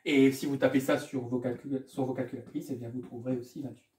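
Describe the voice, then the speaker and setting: A man's voice: medium pitch, fairly even intonation, fast, darkish tone, reverberant. A man tutoring math, working through an exam problem aloud in a casual way, repeating himself and adding small asides. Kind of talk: explaining a math exam correction.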